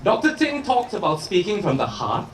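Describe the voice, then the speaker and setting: A man giving an urgent activist speech at a political rally, emphatic and deliberate, pausing for effect. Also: high-pitched, sing-song, roomy sound, recorded from a distance, a little hiss or hum, low-quality recording. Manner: emphatic, deliberate public oratory with pauses for effect and rhetorical questions. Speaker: rally speaker, lawyer campaigning for a candidate.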